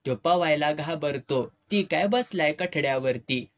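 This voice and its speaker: Man reading as a cheeky, bossy village girl, pitched a touch high, storybook reading. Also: animated, measured pace. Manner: brash, teasing, bossy. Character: bold, mischievous village girl, quick-tempered.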